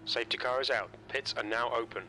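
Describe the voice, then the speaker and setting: A calm male race spotter barking terse pit radio calls in short, level bursts. His pitch sits in a middle range. The loud roar of racing engines runs under every call. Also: fast, a little hiss or hum, poor audio. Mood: clipped. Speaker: racing game spotter and crew chief. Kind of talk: prerecorded game announcements. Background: racing car engines.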